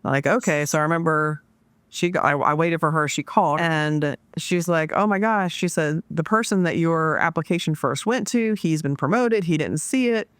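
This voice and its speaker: A woman in her forties, a podcast guest, telling a casual story with lively asides and acted-out quotes. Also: low voice, normal speed, clean tone, no echo. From Washington DC area. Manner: animated, acts out quoted dialogue.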